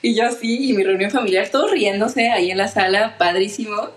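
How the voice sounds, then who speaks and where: A young Mexican woman co-hosting a casual podcast chat, confiding and animated as she talks. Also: mid-range voice, fairly quick. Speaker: podcast co-host.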